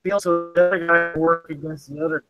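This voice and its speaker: A man's voice: fairly high pitch, little pitch movement, muffled recording, over loud music. Man on a glitchy, cutting-out call. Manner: argues in rapid rhetorical questions. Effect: call audio breaking up, choppy dropouts. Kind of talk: casual sports chat. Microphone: online voice call.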